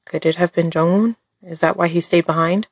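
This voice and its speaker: A woman's voice: lowish voice, steady tone, a little fast, husky, no room sound, clean studio sound. A woman voicing a strong, composed young woman who speaks with restraint in an audio drama story. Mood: suspicious.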